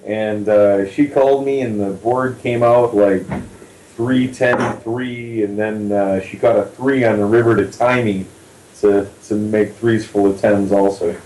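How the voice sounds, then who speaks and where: An American man with a fairly low voice tells poker stories in a relaxed chat, slipping in dry jokes. He is recorded in an echoey room with faint noise behind him. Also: a little slow. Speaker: poker show co-host. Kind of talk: casual chat.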